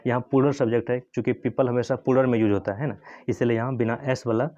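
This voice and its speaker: A man explaining an English lesson step by step, repeating phrases and checking in with the listener. His voice is mid-pitched. The recording sounds dull and lo-fi. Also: steady tone, mellow. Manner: slow, repetitive explaining with frequent tag questions. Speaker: English teacher. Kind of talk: Hindi-language English lesson.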